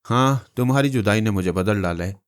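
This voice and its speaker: This is a desperate, lovesick man full of remorse, voiced by a male audiobook narrator. He pleads in an anguished way, low and smooth. The sound is clean and resonant. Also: brisk, close to an everyday voice. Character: desperate lovesick male drug-addicted informer.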